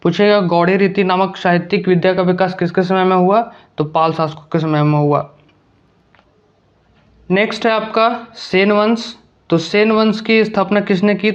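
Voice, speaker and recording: A man giving an exam-prep history lecture, posing likely quiz questions and answering them himself. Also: high-pitched. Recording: slightly dull lo-fi audio.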